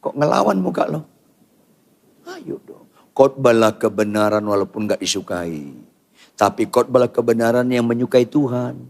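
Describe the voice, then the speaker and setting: An older man preaching a sermon in church, firing rhetorical questions at the congregation and swinging from quiet asides to loud outbursts. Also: medium pitch, animated, normal speed, creaky. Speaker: pastor.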